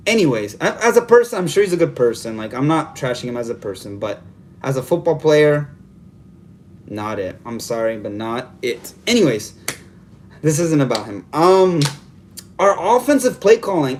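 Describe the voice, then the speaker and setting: A man's voice: high voice, darkish tone. A man hosting a live stream, venting in an exasperated post-game rant full of repeated rhetorical questions, talking into a phone camera. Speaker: live stream fan host. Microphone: phone camera held vertical.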